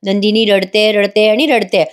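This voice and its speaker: A woman's voice: medium pitch, fairly even intonation, normal speed. A woman giving a casual voice-over recap of a TV serial episode, chatting to viewers with wry asides. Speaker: serial reviewer.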